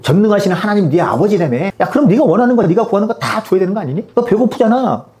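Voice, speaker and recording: A man's voice: sits high, sing-song, quick pace, darkish tone, voice pushed up. A man doing a sneering, taunting devil. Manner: mocking, needling rhetorical questions.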